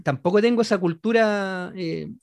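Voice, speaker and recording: A man's voice: high voice, normal speed, creaky, darkish tone, no echo. A married man with a Chilean accent, telling a comic story casually and slangily to friends, acting out quotes and laughing often. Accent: Chilean Spanish. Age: adult, married. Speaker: storyteller in a group chat.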